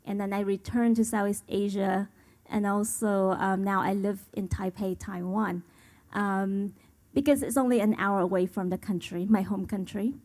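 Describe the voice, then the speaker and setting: A woman's voice: mid-range voice, darkish tone. Woman from Vietnam giving a conference talk. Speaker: panel speaker, human rights advocate. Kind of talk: conference presentation.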